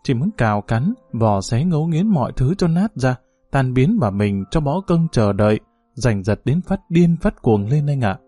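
A man's voice: mid-range voice, sing-song, normal speed, warm tone, dry recording, faint music behind. A man reading the part of a passionate young village woman, pleading and intimate in a story.

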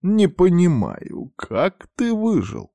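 A man voicing an old male healer who talks slowly and carefully. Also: mid-range voice, very animated, warm tone, no room sound, voice pushed up. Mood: concerned. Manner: slow, careful.

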